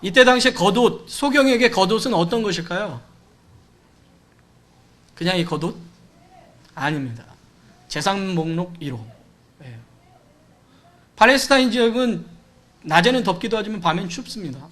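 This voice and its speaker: A man's voice: high-pitched, lively intonation, moderate pace, long pauses, a bit bright. A man preaching a sermon in church, talking to the congregation in a conversational way and acting out the cries and dialogue of the people in his story. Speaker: pastor. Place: church sanctuary.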